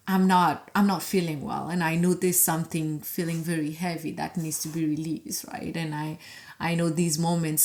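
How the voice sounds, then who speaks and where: Woman, slightly low voice, halting and searching, casual podcast co-talker. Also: a little mellow. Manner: searching, halting phrasing with many restarts. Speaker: podcast conversation partner. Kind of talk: casual conversational questioning.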